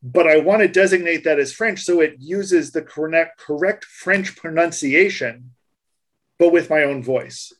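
An American man on a casual tech podcast co-hosts and explains voice tags patiently. His voice is a little high and a little slow, and he often restarts his sentences.

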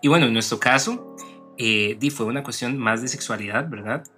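A Costa Rican man in his twenties co-hosts a podcast with a bright, forward voice at a medium pitch. He talks casually and personally, switching between Spanish and bits of English. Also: normal speed, faint music behind. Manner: mixes English words into Spanish, Spanglish. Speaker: podcast co-host.

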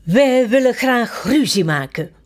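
A woman's voice: fairly high pitch, expressive, slow, darkish tone. King Bobbel, a jolly king, read by a woman. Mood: cheerful. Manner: cheerful, amused. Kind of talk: storybook read-aloud.

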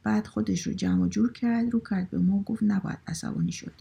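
Female storyteller, dark, gravelly, husky, reads a story with lively voices. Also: medium pitch. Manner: lively, acting out every character. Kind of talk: reading a short story aloud.

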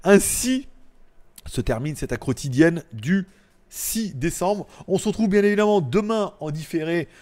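A man's voice: sits high, expressive, unhurried, a little mellow. A man of forty hosting a live stream, chatting casually and reading viewer comments in a rambling, joking way. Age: 40s.

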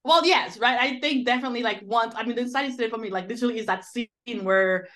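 A woman's voice: a little high, rapid-fire, a bit bright. A woman co-hosting a podcast, chatting casually about a film, full of fillers and restarts. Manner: rambling, many fillers like "like" and "you know". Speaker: podcast co-host. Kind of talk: casual film review chat.

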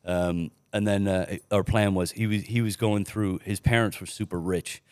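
Deep-voiced guy on a podcast, cussing and laughing through his stories, dry sound. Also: steady tone, moderate pace, smooth, dry recording. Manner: profane, laughing, rambling anecdotes. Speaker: podcast host. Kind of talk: casual storytelling chat.

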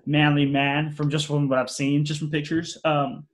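A man's voice: a little high, monotone, moderate pace. A young man hosting a casual podcast, rambling with many fillers and restarts and using slang like "yo" and "y'all". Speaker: podcast host.

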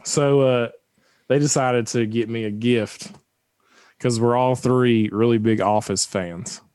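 A man chats casually with a cohost, wandering through his story with jokes and frequent laughter. His voice sits at an ordinary middle pitch. The recording is dry and close, with no room sound. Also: steady tone, takes it slowly, darkish tone, clean tone, dry recording. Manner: rambling and joking, laughs often. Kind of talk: casual chat.

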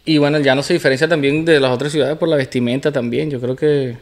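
A man's voice: on the high side, fairly even intonation, quick pace. A Venezuelan man in a casual chat, joking and using slang. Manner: chatty, joking, uses slang.

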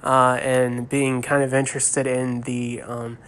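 A man's voice: mid-range voice, flat delivery, a bit bright. Stuffy-nosed young man podcasting. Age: 20s. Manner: halting, many fillers and restarts. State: stuffy, nasal from a sinus infection. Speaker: student podcast host. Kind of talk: casual solo podcast.

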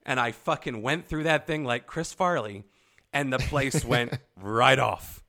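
A young man co-hosting a podcast, telling stories in animated casual chat and swearing often. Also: medium pitch, unhurried, gravelly. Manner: animated storytelling, frequent swearing. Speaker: podcast co-host.

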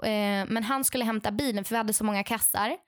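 A young adult woman casually telling stories to a friend, lively and acting out what others said, with many fillers. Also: medium pitch, no room sound, studio quality. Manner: animated, acts out quoted dialogue; frequent fillers and restarts. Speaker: podcast co-host telling stories. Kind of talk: casual storytelling chat.

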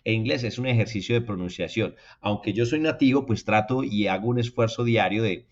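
A man from Latin America teaching an English lesson, repeating each word slowly and often, then talking quickly to the viewers at home. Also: on the low side, muffled recording. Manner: drills words slowly and repeats them, then talks fast; addresses viewers directly, encouraging them to repeat. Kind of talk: spoken language lesson.

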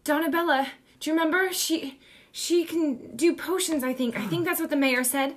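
An eager young woman plays a tabletop game, chatting through her choices. Her voice sits a little high, and she talks quickly and brightly. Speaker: player.

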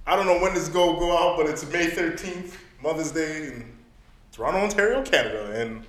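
A man's voice: fairly high pitch, fairly quick, a bit bright, roomy sound, poor audio. A young man guesting on a casual podcast, laid-back and joking with boastful banter.

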